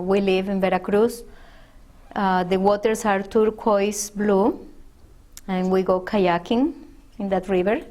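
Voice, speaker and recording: Slow-speaking Mexican-born woman. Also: mid-range voice, darkish tone. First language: Spanish. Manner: slow, thoughtful, with pauses and fillers. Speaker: interviewee. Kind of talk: unscripted interview answers.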